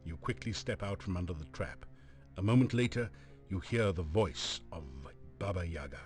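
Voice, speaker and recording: An actor playing a grand, wry storyteller, narrating a fantasy game in a theatrical, measured way. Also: male voice, low voice, expressive. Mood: dramatic. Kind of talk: scripted second-person game narration. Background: game music.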